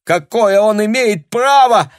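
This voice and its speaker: A man voicing a hot-tempered, tearful young woman who shouts and burrs her r's, in an audiobook. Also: lively intonation, measured pace, no echo, studio quality. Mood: hysterical. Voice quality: burred r. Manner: shrill, shouting.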